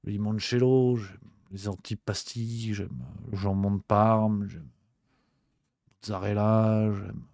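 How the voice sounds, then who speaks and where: A man's voice: on the low side, little pitch movement, slow, long pauses, darkish tone, no echo. A male host delivering a comedic rant on a livestream show, exasperated and swearing, repeating his grumbles.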